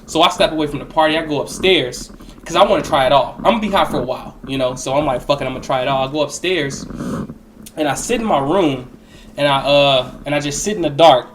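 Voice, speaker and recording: A young adult man with a slightly high voice talks in a loose, casual storytime monologue. He rambles, swears freely and leans on slang. There is some noise and clicking behind him. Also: fairly quick, rough recording. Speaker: storyteller recounting a personal experience.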